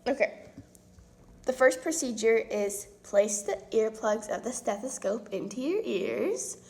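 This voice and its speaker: A young woman vlogger with the hiccups reads school science lab instructions aloud at home, adding casual asides in a home video chat style. Her voice is fairly high, expressive, and a little mellow, at a measured pace.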